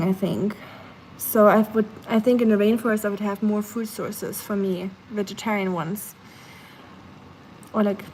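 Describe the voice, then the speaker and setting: Half asleep in her home kitchen, a young woman live streams, reading chat messages aloud and talking casually with many fillers. Her voice is medium-pitched, and the rough recording carries a little hiss or hum. She comes across as sleepy and relaxed.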